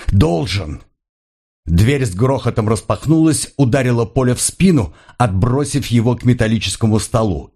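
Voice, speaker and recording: A man narrating a thriller audiobook in a steady, grave storytelling manner. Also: on the low side.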